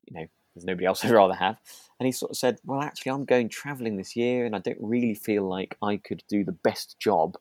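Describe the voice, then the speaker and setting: A British man with a lowish, slightly mellow voice co-hosts a podcast, recorded dry. He chats casually, agreeable and a bit rambling as he feels his way through his sentences.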